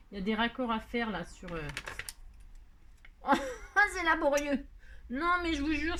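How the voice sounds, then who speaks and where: Woman, middle-aged craft-tutorial host, rambling and self-mocking, mid-pitched, faint background noise. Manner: rambling, self-mocking, talks to herself while working.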